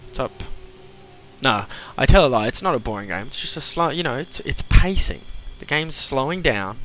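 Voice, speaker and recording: A young man casting a strategy game match play-by-play, chatty and self-mocking with quick asides. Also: medium pitch, lively intonation, fairly bright tone, slight background noise. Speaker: esports caster. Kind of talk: play-by-play commentary.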